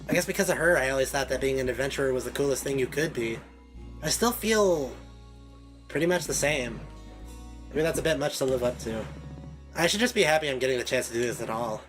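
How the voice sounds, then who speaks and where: A man's voice: mid-range voice, lively intonation, quick pace, over music, lightly acted. A man reading game dialogue as an earnest, self-doubting young animal girl who dreams of adventure. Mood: wistful, admiring.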